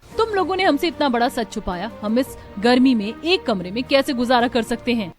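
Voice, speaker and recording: A woman's voice: a little high, expressive, brisk, soft background music, close to an everyday voice. A woman voicing a spoiled, arrogant rich young daughter-in-law in a cartoon story, speaking in a sneering way. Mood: haughty. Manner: haughty, sneering.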